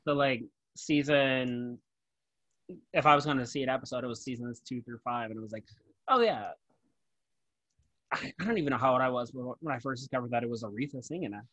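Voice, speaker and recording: A man's voice: mid-range voice, quick pace, fairly bright tone, no room sound. Casual man hosting a podcast. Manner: informal, self-deprecating, swearing. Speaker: podcast host. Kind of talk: casual chat.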